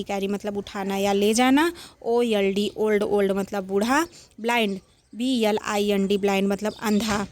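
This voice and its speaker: A woman with an Indian accent, a Hindi speaker, teaching as an English tutor who spells each word letter by letter and then gives its meaning. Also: mid-range voice. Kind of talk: classroom lesson in word meanings.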